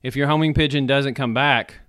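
A man's voice: mid-range voice, steady tone, brisk, fairly bright tone. A man co-hosting a casual podcast, telling corny jokes and chuckling at them. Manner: chuckling, corny joke delivery. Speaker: podcast co-host. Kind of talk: casual joke-telling chat.

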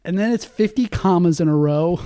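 A man's voice: sits high, a little fast, warm tone, clear, resonant tone. A man co-hosting a podcast in casual chat, playful and giggling through his jokes. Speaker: podcast co-host.

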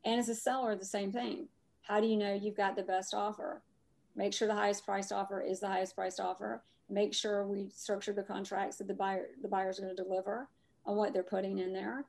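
A woman's voice: medium pitch, little pitch movement, gravelly, darkish tone. Southern woman, podcast co-host, chatty and loose. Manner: chatty, rambling, quick to laugh. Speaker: real estate podcast co-host. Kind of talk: casual live podcast chat.

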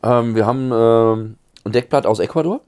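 A man's voice: medium pitch, moderate pace, a little mellow, smooth. A man co-hosting a casual cigar review chat, who has a cold, agreeable with short replies. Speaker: podcast co-host.

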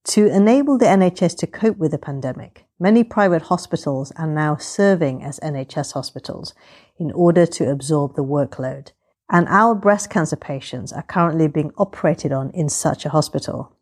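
Female surgeon vlogger, low voice, measured and orderly explanatory narration, fairly formal. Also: a little mellow.

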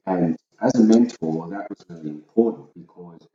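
A middle-aged man, guest on a casual podcast and the host's husband, speaks plainly and matter-of-factly in a low, mellow voice at normal speed. He sits far from the mic, so the recording sounds dull, echoey and off-mic.

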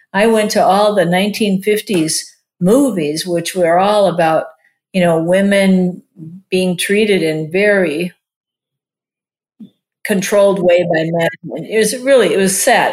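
A woman in her sixties, a marriage and family therapist, talking casually in an interview and often using "like" as a filler. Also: mid-range voice. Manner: chatty, warm-hearted, many "like" fillers.

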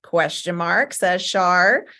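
A woman's voice: on the low side, takes it slowly, pushed and bright. A woman with a Southern US accent cohosting a nonprofit talk show, chatting casually and leaning on "you know" fillers. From American South. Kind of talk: casual advice chat.

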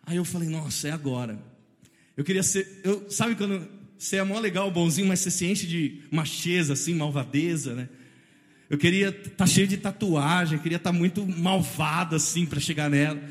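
A man in his thirties with a Brazilian Portuguese accent, telling a funny personal story in an animated way and acting out voices and sound effects. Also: high-pitched, normal speed, in a large hall.

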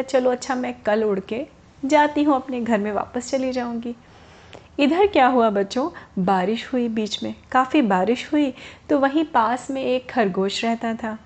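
A woman's voice: fairly high pitch, a little mellow. A woman telling a story to children in a chatty way, stopping to explain words to them.

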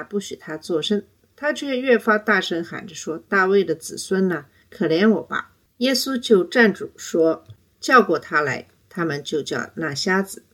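A woman hosting a Bible teaching podcast, giving a scripted lesson and reading scripture aloud, with rising emphasis on the quoted cries. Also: fairly low pitch.

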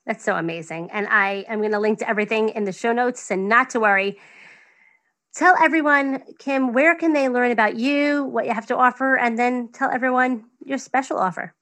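A woman with a New York accent hosting a podcast interview, effusive and quick to laugh. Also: fairly high pitch, a bit bright. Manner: bubbly, effusive, laughs often. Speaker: podcast host. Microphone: video call.

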